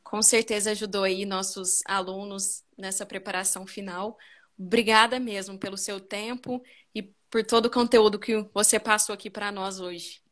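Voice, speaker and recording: A woman's voice: mid-range voice, steady tone, moderate pace. A woman with a Brazilian Portuguese accent hosting a live stream, thanking a guest politely and making announcements. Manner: friendly, polite, wraps up with announcements.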